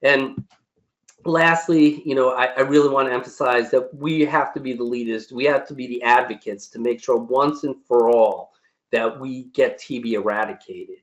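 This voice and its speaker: A man's voice: medium pitch, steady tone, moderate pace, dull audio. A man, a physician, giving a webinar presentation in an earnest, encouraging way, often restarting and repeating himself. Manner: earnest, repetitive, frequent restarts; pleading and encouraging.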